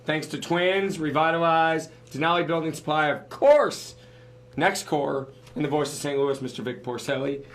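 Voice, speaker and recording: A man co-hosting a live business podcast, hoarse from losing his voice, upbeat and joking as he runs through the agenda. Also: a little high, level tone, moderate pace, few pauses, fairly bright tone. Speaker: podcast co-host.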